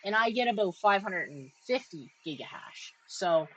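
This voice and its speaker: A woman's voice: medium pitch, expressive, normal speed, a bit bright, breathy edge, lo-fi sound. A woman from Canada with a Canadian accent, hosting a casual chat and talking through her thoughts as she goes. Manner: chatty, laughs often, thinks aloud. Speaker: crypto mining streamer host.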